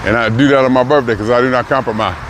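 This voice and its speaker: Older man, early sixties, reflective vlogger, halting and musing, walking a busy street, audible traffic behind. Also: medium pitch, fairly even intonation. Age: 60s. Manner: musing, halting, thinks aloud with pauses and restarts. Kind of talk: reflective personal vlog. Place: outdoors on a city street, walking. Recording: outdoor traffic noise. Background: passing cars and street noise.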